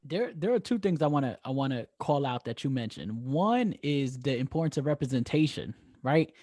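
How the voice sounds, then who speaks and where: This time the Bronx co-host's voice is mid-range with big pitch swings, a little mellow, at a moderate pace. Enthusiastic in the casual podcast interview, he keeps tossing in "right?", and the studio-quality recording has no room sound.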